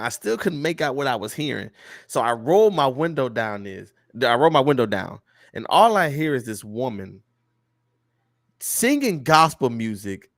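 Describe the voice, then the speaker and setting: A man hosting a casual comedy podcast, telling stories with laughs and animated energy. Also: mid-range voice, dry recording, clean studio sound. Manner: animated storyteller, laughs often, loud mock-preacher bursts. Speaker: podcast host.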